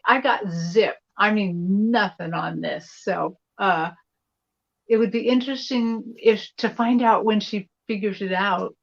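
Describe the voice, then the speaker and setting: Unhurried woman host on dull lo-fi audio. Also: mid-range voice, vocal fry. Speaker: host of a live psychic show. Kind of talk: casual live stream chat. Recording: slightly dull, lo-fi stream audio.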